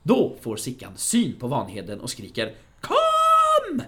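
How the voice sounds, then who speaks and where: A man co-hosting a casual podcast, retelling a film scene by scene and shouting out the characters' lines. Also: lowish voice, huge pitch swings. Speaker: podcast co-host narrating a film. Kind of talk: casual chat.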